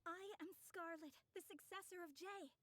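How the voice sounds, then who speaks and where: A woman's voice: very high voice, steady tone, moderate pace, pushed and bright. A woman playing a composed, courteous young witch in a video game, speaking with polite theatrical confidence.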